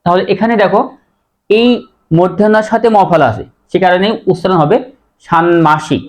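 In this pronunciation lesson, a man with a high-pitched, somewhat mellow voice explains the rules one step at a time, slowly repeating every word.

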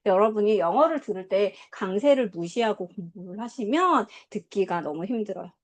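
A woman teaching English to a class, drilling pronunciation and quizzing her students in a lively, coaxing way. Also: mid-range voice, normal speed. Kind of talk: classroom lesson.

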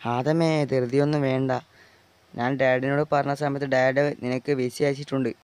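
A man's voice: medium pitch, flat delivery, normal speed, a little mellow, clean tone, no echo, natural voice. A man voicing a loyal, playful best friend in an amateur dub of a game short film. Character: loyal male best friend, cheerful and teasing.

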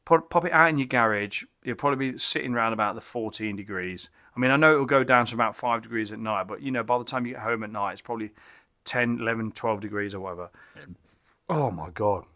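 Set indoors in a small home bar cabin with bottle shelves, this casual beer review vlog features a middle-aged man whose voice sits on the low side. He speaks at a quick pace in a pushed, bright tone, rambling enthusiastically with many restarts and exclamations.

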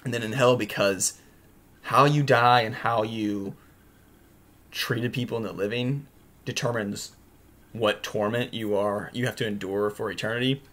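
A young man talks casually about a book he read, rambling through his thoughts with frequent "like"s and restarts. His voice sits a little on the low side. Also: steady tone, a little slow, fairly bright tone. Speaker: book podcast host.

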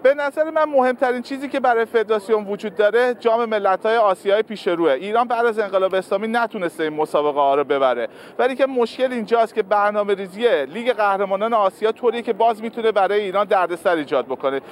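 A high-voiced man with an Iranian Persian accent gives live sports analysis as a correspondent. He speaks outdoors, with faint city noise and traffic behind him. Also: hardly any pauses. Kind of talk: live report, spontaneous analysis. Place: large busy open square outdoors.

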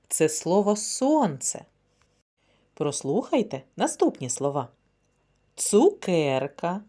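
A woman's voice: medium pitch, a little mellow. A woman kindergarten teacher leading a phonics word game for young children, speaking in a sing-song, encouraging way.

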